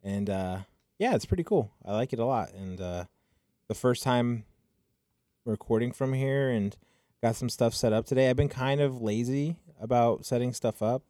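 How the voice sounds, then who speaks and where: A man's voice: mid-range voice, normal speed, warm tone, dry recording, studio quality. A young man from Phoenix chatting casually on a podcast, laid-back and rambling with lots of fillers, a little tipsy and loopy. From Phoenix, Arizona. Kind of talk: casual chat.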